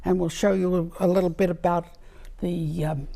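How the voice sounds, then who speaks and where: A woman talking carefully through the details of antique doll clothing in a relaxed show-and-tell chat. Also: fairly low pitch, moderate pace, gravelly. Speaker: doll collector guest.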